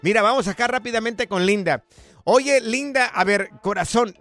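A man hosts a casual radio show in a high, bright voice, telling anecdotes and putting on the voices of the people he quotes. Music plays faintly underneath. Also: normal speed. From Mexico. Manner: storytelling, acts out quoted voices.

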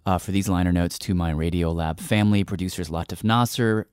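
A man's voice: low-pitched, a little fast, a little mellow, smooth, no room sound, clean studio sound. A man hosting a radio show, talking thoughtfully with some hesitation as he introduces a story. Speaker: podcast host.

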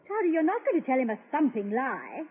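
A dry-witted, refined wife. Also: female voice, high voice, very animated, fairly quick. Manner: dry, gently teasing, refined. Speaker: wife of the college president. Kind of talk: 1940s radio acting. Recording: tinny old radio broadcast, faint hiss.

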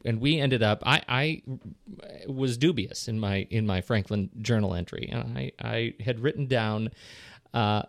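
A middle-aged man co-hosting a podcast talks casually about a film, rambling and cutting himself off. His fairly low voice comes through in studio quality with no room sound.

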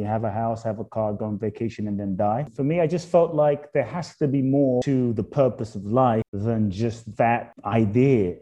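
A man's voice: on the low side, warm tone. A man from Ghana who grew up in London, earnestly recounting his life story as an interview guest. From Ghana, raised in London. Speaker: guest, spiritual speaker.

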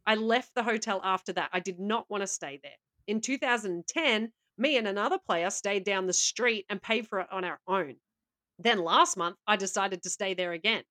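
A woman's voice: mid-range voice, normal speed, a bit bright. A woman co-hosting a casual podcast, reading out stories with playful asides and laughter. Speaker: podcast co-host.

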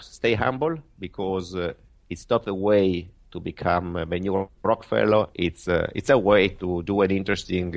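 A man with an Italian accent speaks in a somewhat low voice, giving interview answers in careful, halting English. He pauses often, restarts his sentences and fills the gaps with "uh". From Italy. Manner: halting, many fillers and restarts. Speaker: guest trader.

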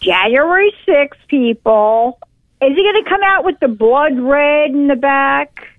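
A woman's voice: sits high, a little slow, dry recording. Give me a fired-up woman calling in to a radio show on a tinny phone line. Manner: blunt and fired up, talks over the host. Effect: radio show caller on a phone line. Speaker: caller. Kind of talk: casual call-in chat.

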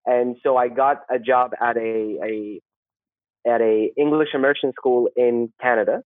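Male interview guest, conversational and halting with repeated phrases, close dry sound with limited bandwidth. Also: medium pitch, steady tone, dry recording, narrow, tinny audio. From Saudi Arabia. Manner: rambling, halting, repeats words and phrases, often tags "right?". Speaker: podcast guest, social worker. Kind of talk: casual interview, personal storytelling.

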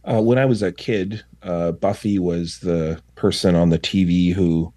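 A man from Manitoba with a Canadian accent, reflecting thoughtfully and haltingly as a guest on a radio panel. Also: sits low, fairly even intonation, dark tone, dry recording, clean studio sound. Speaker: interview guest, professor and columnist.

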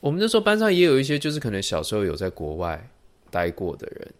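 A young man co-hosting a casual chat show, talking quickly and chatting, with many short agreeing sounds. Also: on the low side, huge pitch swings. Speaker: podcast co-host.

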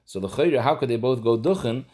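Guy teaching halacha, middle pitch, explains step by step. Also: expressive, fairly quick, warm tone. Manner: explanatory, mixes Hebrew and Yiddish terms into English. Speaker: Torah teacher. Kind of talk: halacha lesson.

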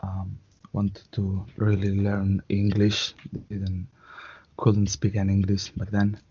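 A man with a Spanish accent, a native Catalan speaker, talks as a guest in halting phrases, restarting often and adding little tag questions. His voice is mellow and soft-edged. The sound comes through a dull, muffled video call. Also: on the low side, monotone, breathy edge. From Spain. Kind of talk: casual interview chat.

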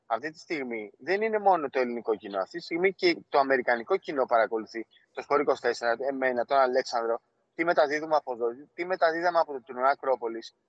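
A man's voice: medium pitch, dry recording. A man reporting remotely for a sports show, earnest and emphatic. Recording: dull dry remote line.

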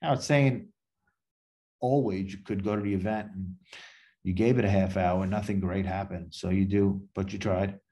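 Low, dark-voiced man telling rambling stories. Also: fairly even intonation, moderate pace. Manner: rambling anecdotes, acts out quoted dialogue. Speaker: podcast guest. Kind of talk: casual storytelling interview.

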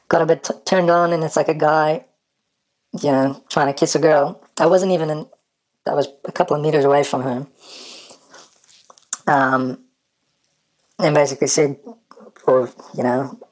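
A man whose voice has been electronically disguised and pitched down to hide his identity. He tells a personal story as an anonymous interviewee, hesitantly, with many ums and restarts. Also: darkish tone, rough recording.

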